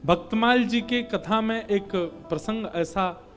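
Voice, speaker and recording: A man's voice: high-pitched, slow pace, a bit bright. A man giving a devotional sermon as a preacher, emphatic and rising into fervent appeals. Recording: faint instrumental music behind.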